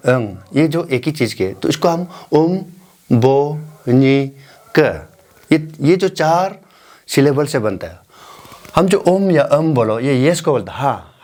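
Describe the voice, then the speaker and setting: A man explaining the parts of a word from his own language, talking slowly and haltingly and repeating syllables to show how they are said. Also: medium pitch, mellow. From Northeast India. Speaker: language teacher. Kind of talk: explaining a word in casual Hindi.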